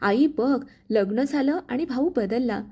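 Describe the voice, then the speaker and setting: Lady putting on a high sneery sister-in-law, sly and taunting, storybook style. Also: takes it slowly, mellow, husky, heavily acted. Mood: fake tearful. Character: scheming spiteful young sister-in-law.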